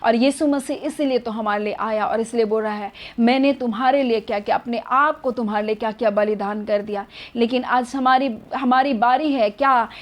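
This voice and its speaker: A woman's voice: a little high, steady tone, moderate pace, hardly any pauses. Earnest woman preaching a sermon. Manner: earnest, repeats rhetorical questions and answers them.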